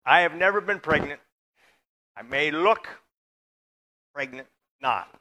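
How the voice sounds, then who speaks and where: A man preaching to his church in a loose, conversational way, now and then joking with the people in the pews. His voice sits a little high and rings bright and forceful. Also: takes it slowly. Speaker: pastor. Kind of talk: sermon.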